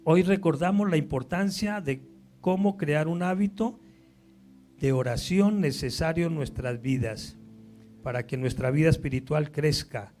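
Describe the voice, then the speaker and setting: A man's voice: a little high, measured pace, a little mellow, soft background music. A male pastor preaching a sermon to his church, emphatic and often asking the congregation questions. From Colombia.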